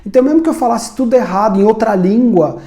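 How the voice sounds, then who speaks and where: A man's voice: high-pitched, quick pace, dark tone, roomy sound. A man teaching about communication in a conversational explainer style, asking rhetorical questions and adding tag questions. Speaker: communication instructor. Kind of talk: educational explainer video.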